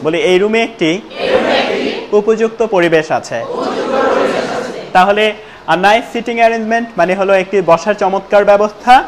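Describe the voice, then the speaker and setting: A man teaching a spoken English class, prompting students again and again and slowing right down to model each sentence. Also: high voice. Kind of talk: classroom lesson with call-and-response drills. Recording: loud room noise and class chatter. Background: students answering in chorus.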